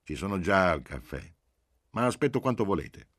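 A man voicing a hearty, overly familiar police agent who talks loudly on the phone in an audiobook. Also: low voice, big pitch swings, normal speed, breathy edge, no room sound, studio quality, pitched above the performer's own voice, heavily acted. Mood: jovial.

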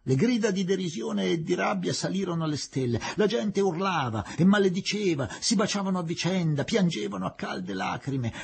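A man reads a novel aloud in an expressive, dramatic way. His voice is very husky and breathy, and his pitch swings widely and in a lively way as he narrates. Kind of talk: audiobook narration.

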